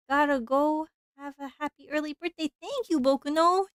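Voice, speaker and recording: In a dry, studio-quality recording, a woman with a high voice chats casually at a moderate pace while drawing on her stream. She rambles, uses lots of fillers, and laughs often.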